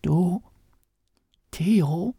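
A man's voice: a little high, sing-song, a little mellow, no room sound, clean studio sound, voice pushed up, exaggerated voice. A man doing a whiny little mole. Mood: timid. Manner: whiny, pleading, quick to sulk. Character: small anxious male mole, easily upset. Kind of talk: storybook reading.

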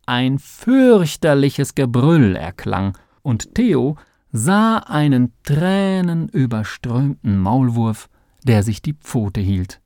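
A man narrating a children's story in an unhurried, expressive reading. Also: mid-range voice, dry recording, clean studio sound.

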